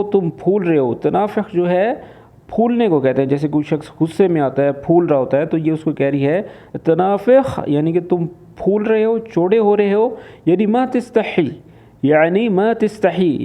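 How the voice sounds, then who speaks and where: A man from Pakistan teaching, patiently explaining and translating spoken phrases. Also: sits high. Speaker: Arabic teacher. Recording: phone-like lo-fi voice.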